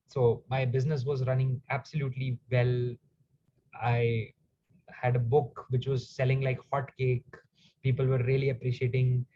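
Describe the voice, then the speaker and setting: A man's voice: mid-range voice, a little mellow, dull audio, slight background noise. A man speaking as a coach in a live Q&A, telling a personal story earnestly and emotionally to his audience.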